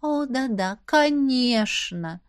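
A playful, prodding werewolf girl who clearly enjoys needling her friend, as a woman reads her. The voice sits fairly high and the recording is close and dry. She sounds amused and knowing, like she already has the answer. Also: expressive, normal speed, dry recording, natural voice. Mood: teasing.

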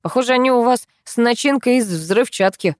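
A woman voicing a sleepy male neighbor who grumbles slowly. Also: a little high, a little mellow, no room sound, clean studio sound, pitched above the performer's own voice, natural voice.

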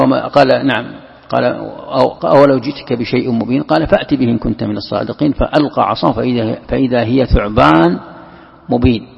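The speaker, a religious teacher, has a husky mid-range voice with vocal fry. His scripture commentary lesson features questions he answers himself and repeated key phrases, captured with dull lo-fi sound in an echoey hall.

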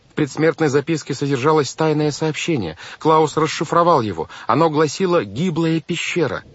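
A man's voice: on the high side, moderate pace, a bit bright, breathy edge, dry recording, highs cut off, pitched above the performer's own voice. A man reading an audiobook, voicing a desperate young girl pleading with the adults. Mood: urgent. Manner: pleading, urgent. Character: desperate brave young girl, eldest orphan.

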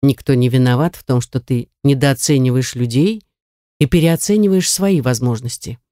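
A reader voicing a cold, domineering male kidnapper in an audiobook, speaking in a dry, flat, metallic, commanding tone. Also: medium pitch, moderate pace, no room sound, voice pushed down, lightly acted. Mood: lecturing. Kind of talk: audiobook character voice.

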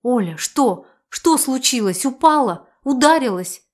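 A devoted young lord from a storybook, speaking softly and with concern, as a woman narrator reads his lines. The voice sits a touch high. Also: animated, unhurried. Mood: worried. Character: tender devoted young male lord, fiancé.

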